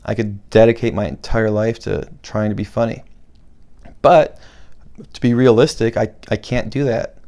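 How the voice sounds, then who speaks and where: A man from Buffalo, New York, hosting a podcast and talking in a rambling, casual solo monologue. He deliberately slows his speech, with frequent restarts. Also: on the low side, steady tone, dark tone. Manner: talks slowly on purpose, rambling with restarts. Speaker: podcast host and comedian.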